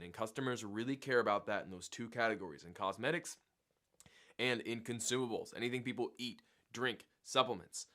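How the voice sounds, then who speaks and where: A man's voice: fairly low pitch, a bit bright. A man with a sick voice, co-hosting a livestream and walking viewers through steps in an upbeat way. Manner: upbeat, explanatory. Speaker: co-host. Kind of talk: livestream tutorial.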